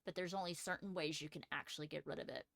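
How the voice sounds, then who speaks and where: A woman running a tabletop role-playing game as game master, narrating and answering players in an animated, conversational way. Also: low-pitched, quick pace, gravelly, no room sound.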